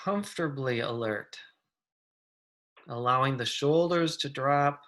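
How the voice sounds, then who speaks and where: Unhurried and soothing, a medium-pitched meditation guide offers gentle instructions in a soft manner, letting long pauses fall between them.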